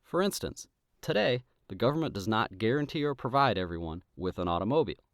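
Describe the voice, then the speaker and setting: Male political commentator, scripted essay read: emphatic, rhetorical, lively intonation, dry sound. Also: fairly low pitch, a little fast, no echo. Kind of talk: scripted argumentative video essay.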